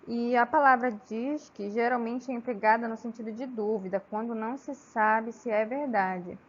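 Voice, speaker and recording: Woman, higher pitch; halting academic talk, dull lo-fi with faint room hum. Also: fairly even intonation. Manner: halting, many tag questions and restarts. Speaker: student presenter. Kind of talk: academic oral presentation. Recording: slightly dull lo-fi with faint ambience.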